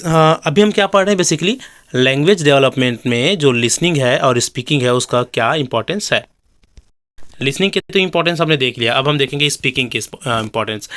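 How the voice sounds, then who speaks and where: A man teaching an exam-prep lecture, explaining in Hindi and reading English definitions out slowly, with frequent check-ins and fillers. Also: on the high side, fairly bright tone.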